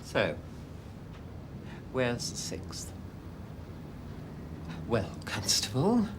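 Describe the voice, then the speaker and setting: A haughty theft victim who presses a constable for answers. His pitch swings widely, and a faint hiss runs under the track. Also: wildly swooping pitch, extremely slow, gravelly, exaggerated voice. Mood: indignant. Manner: haughty, demanding. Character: indignant male theft victim demanding answers. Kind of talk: 1990s British TV police drama.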